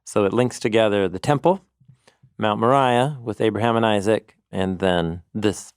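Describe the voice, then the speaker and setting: Lively man explaining scripture. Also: fairly low pitch, moderate pace, smooth, dry recording, studio quality. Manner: animated explainer, quotes scripture in storytelling voice. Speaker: co-host and Bible teacher. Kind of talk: conversational teaching.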